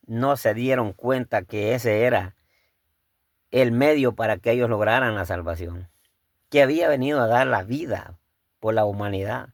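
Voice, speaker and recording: A man preaches with a gravelly, creaky voice, talking to his listeners as brothers and posing one rhetorical question after another. He often halts and repeats words as he thinks aloud. The sound is dry and close, with no room echo. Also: mid-range voice. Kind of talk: sermon.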